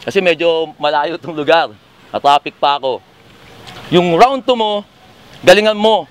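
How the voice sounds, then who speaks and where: A man's voice: on the high side, normal speed, smooth. A man freestyling conversational, comedic battle rap banter in a teasing, profane manner. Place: live battle rap event. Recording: noisy urban ambience with vehicles.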